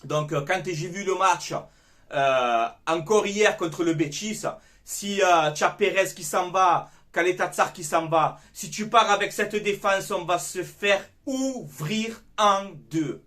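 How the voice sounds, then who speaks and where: A man's voice: high-pitched, a little slow, a bit bright. A young man giving a heated, casual football debrief, swearing freely as he rants. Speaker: football fan commentator.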